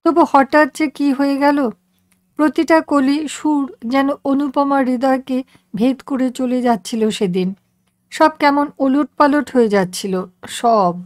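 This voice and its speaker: Woman story reader, high voice, reflective, measured, close and dry sound. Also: fairly even intonation, no room sound. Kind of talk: literary story narration.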